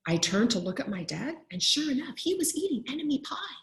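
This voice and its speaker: A woman reading a children's story aloud expressively, like a teacher, with deliberate pauses for effect. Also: sits high, sing-song, a bit bright. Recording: roomy, echoing sound.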